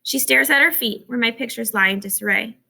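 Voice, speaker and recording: A woman reading a children's novel aloud as an audiobook, with steady, expressive storytelling. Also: on the high side, brisk, creaky. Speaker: audiobook narrator. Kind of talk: scripted narration of a children's novel.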